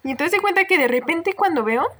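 A woman's voice: very high-pitched, lively intonation, fast, a bit bright, slight background noise. A young woman with a Mexican accent, casually telling a strange story as a podcast co-host, laughing often and using slang. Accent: Mexican Spanish.

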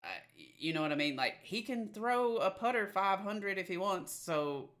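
A man's voice: sits high, lively intonation, normal speed, fairly bright tone. A man co-hosting a casual sports podcast, talking hesitantly with fillers and trailing sentences. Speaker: podcast co-host.

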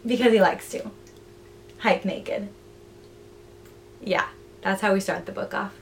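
A young woman co-hosting a casual podcast, retelling a book plot in an animated, chatty way. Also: mid-range voice, slow, a little hiss or hum. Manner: chatty, animated storyteller who acts out quotes. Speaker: podcast co-host.

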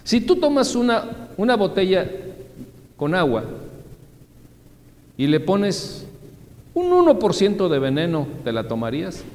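A man preaching a sermon, asking his listeners questions and answering them himself, swinging between loud high exclamations and low quiet asides. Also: huge pitch swings, unhurried, long pauses. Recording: long reverb, faint background ambience.

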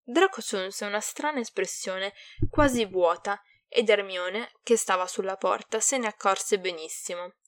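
A woman narrating a fan fiction story aloud in a steady, even reading voice. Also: mid-range voice, moderate pace, hardly any pauses, no echo, clean studio sound.

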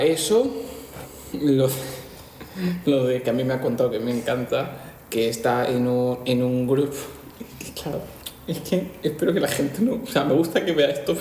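A man's voice: mid-range voice, normal speed, warm tone. A young man from Spain co-hosting a podcast, chatting casually, laughing often and stumbling over repeated words. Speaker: podcast co-host. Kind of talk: casual chat. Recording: echoey room, faint background hiss.

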